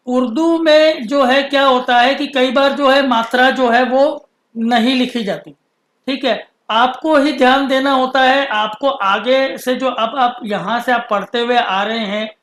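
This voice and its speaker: A man teaching Urdu script, patiently explaining and stretching out letter sounds slowly. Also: very high voice, fairly bright tone, echoey room. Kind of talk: explaining a lesson.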